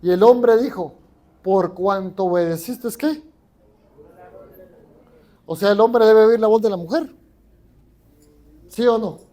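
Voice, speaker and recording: A man's voice: sits high, moderate pace, pauses often, mellow. A Mexican man preaching a sermon as pastor in a church, often asking the congregation questions. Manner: conversational, asks the congregation questions.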